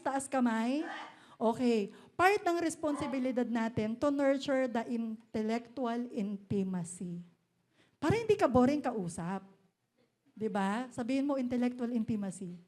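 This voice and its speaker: A middle-aged woman pastor with a Filipino accent, preaching a sermon in an animated way, mixing Filipino and English with playful asides. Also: high voice. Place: church hall.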